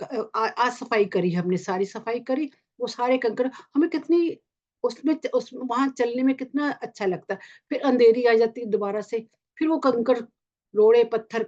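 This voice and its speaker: A woman meditation guide giving a spiritual talk, halting with many restarts and mixing in English phrases. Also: on the high side, a little mellow. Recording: muffled lo-fi recording.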